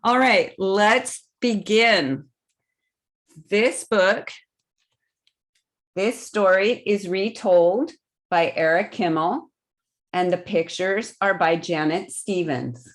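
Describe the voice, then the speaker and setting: On a video call with young children, a storytime reader shares stories in simple, upbeat words, bringing them to life in an animated read-aloud. Her voice is medium-pitched, and she goes slowly, leaving long pauses.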